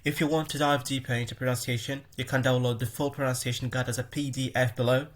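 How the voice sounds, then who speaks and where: Guy teaching pronunciation on his podcast, mid pitch, keeps stopping to fix what he said. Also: little pitch movement, fast talker. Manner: explanatory, often restarts and corrects himself. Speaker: podcast host. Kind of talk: pronunciation lesson.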